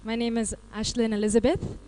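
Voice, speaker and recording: A Los Angeles woman with an American accent, an IT support advisor, presents a live workshop talk in a highish, mellow voice. Her delivery is flat and fairly quick, and she keeps it interactive by questioning the audience.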